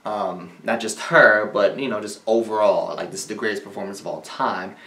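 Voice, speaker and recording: A man's voice: lowish voice, moderate pace, bright, forceful tone, distant mic. Sarcastic young man in an echoey room. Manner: teasing, sarcastic, swears casually. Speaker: sports talk show co-host. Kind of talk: casual chat.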